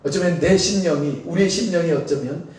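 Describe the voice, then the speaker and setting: Man, pastor, Jeolla Korean accent, preaching, rhetorical questions, mellow tone, distant mic, big church echo. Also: on the high side, a little fast. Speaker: senior pastor. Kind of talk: sermon. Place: church sanctuary.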